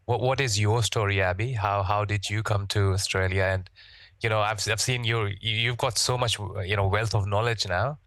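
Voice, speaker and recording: A man hosting an interview in a relaxed, casual way, repeating words as he goes. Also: on the low side, moderate pace, no echo. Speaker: interview host.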